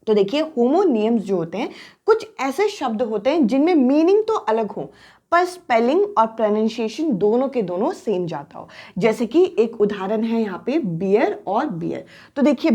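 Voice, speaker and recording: Young woman teacher, brisk exam-prep explainer, fairly high voice, repeats key points. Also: a little mellow. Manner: repetitive, frequent "to dekhiye" prompts.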